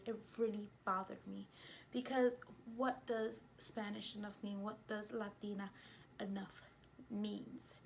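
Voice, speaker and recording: An American vlogger with a New York accent talks directly into her camera, emphatic and openly indignant. Her slightly high voice is casual and expressive, with a faint background hiss.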